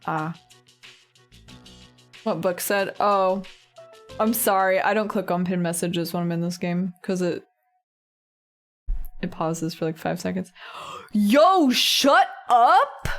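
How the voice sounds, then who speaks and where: A young woman streaming a video game, reacting excitably, laughing often and swearing playfully. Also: lowish voice, slow pace, pauses often, soft background music. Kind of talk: casual game-stream commentary.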